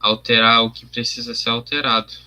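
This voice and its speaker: This young streamer speaks fairly quickly with a flat delivery, his mid-range voice bright and forceful. As he colors his art, he thinks out loud about how he works and fields viewer comments in a casual way.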